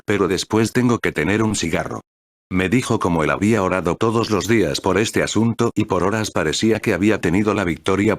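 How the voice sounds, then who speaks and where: Man, audiobook reader, very low voice, steady earnest devotional reading. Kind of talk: read aloud devotional audiobook.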